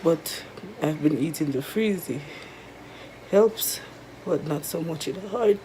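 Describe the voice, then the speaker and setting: Jamaican woman, sore-throated after tonsil surgery, mellow. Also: deep voice, animated, unhurried, a little hiss or hum, poor audio. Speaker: vlogger. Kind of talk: casual chat to viewers. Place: resting at home in bed.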